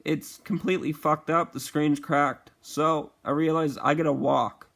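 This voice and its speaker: A young man casually telling a profane storytime vlog, animated and acting out the quotes. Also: fairly high pitch, measured pace. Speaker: vlogger.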